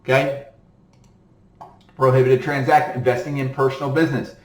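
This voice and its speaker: A man's voice: mid-range voice, flat delivery, normal speed. A man with a mid-range voice lectures casually on retirement-account law, reading from a court ruling and stopping often to explain with an "okay?". His voice sounds a little tired. The recording has a roomy echo around it. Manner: reads legal text then breaks off to explain, with frequent "okay?". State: voice tiring. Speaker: attorney teaching about self-directed retirement accounts.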